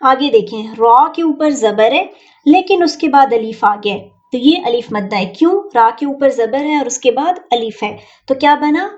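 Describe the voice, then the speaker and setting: High-voiced woman teaching Quran reading. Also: lively intonation, darkish tone, reverberant, distant mic, muffled recording. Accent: Urdu. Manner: patient, stretches example words slowly to demonstrate. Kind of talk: online tajweed lesson.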